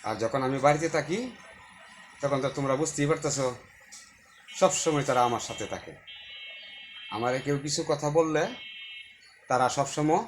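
A man's voice: on the high side, moderate pace, long pauses, a little hiss or hum. A young man filming a casual vlog at his village home, talking to his dogs and to viewers. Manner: chatty, coaxing and teasing the dogs. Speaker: YouTuber.

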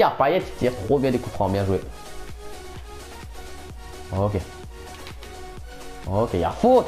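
Young gamer, animated pitch, excitable play-by-play over faint game music. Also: male voice. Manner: excitable, shouts at big moments, repeats phrases rapidly. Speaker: gamer commentating his own match. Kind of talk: casual live gameplay commentary.

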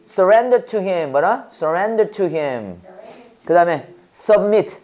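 Brief: Korean-accented woman, lower voice, church English teacher, call-and-response drills, slow English then rapid explanation. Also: animated, mellow. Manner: drills words by repetition, prompting the class to repeat.

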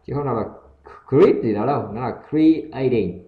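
A man with a Vietnamese accent teaching English pronunciation. He reads a story aloud line by line and breaks in with quick explanations of the sounds in Vietnamese. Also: medium pitch, echoey room, phone-quality sound.

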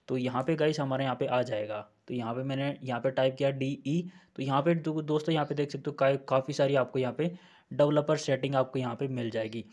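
A tech tutorial host with a medium-pitched, darkish voice walks viewers through phone settings in a screen-recorded tutorial. He goes step by step, repeats himself often, and addresses viewers as friends.

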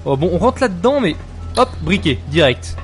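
A man streaming a horror game live, talking casually, excitable and jumpy, swearing and laughing often. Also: high-pitched, moderate pace, soft background music. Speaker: streamer playing horror games.

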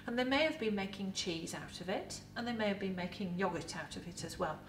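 A middle-aged woman with an English accent, a museum educator in costume, giving a lively, chatty talk to camera about food with props in an indoor set. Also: mid-range voice, brisk, noisy background. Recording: roomy echo, voice from a distance.

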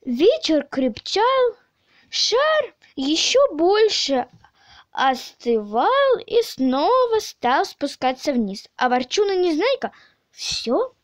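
A woman narrating a children's audiobook in a slow, expressive storytelling manner. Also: very high-pitched.

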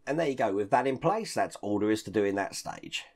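A model-building host in his fifties talks briskly over heavy background noise, his intonation animated as he explains each step. His husky voice is deep, rough and croaky, still hoarse from an illness, with occasional coughs. He chats while handling parts in a casual hands-on build walkthrough, set in his home hobby room full of collectibles.

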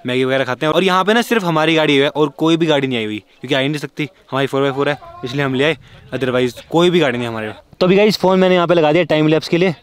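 A young man vlogging casually, chatty and excitable, talking straight to his viewers. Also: fairly high pitch, very fast, clear, resonant tone. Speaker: travel vlogger. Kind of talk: casual vlog narration.

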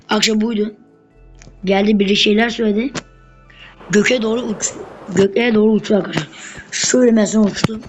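A gameplay streamer in casual commentary mode, always talking straight to the viewers as friends. The voice sits at a middle pitch, with excited bursts when the fighting heats up. Faint music plays underneath. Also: brisk, pauses often, rough recording. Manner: chatty, constantly addressing viewers as friends. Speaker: gameplay YouTuber.

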